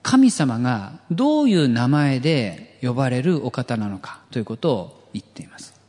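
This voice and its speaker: A man preaching a sermon as pastor, earnest and gently humorous, often letting phrase ends drop to a whisper. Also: medium pitch, very animated, normal speed, big-room sound. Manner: light jokes for the congregation.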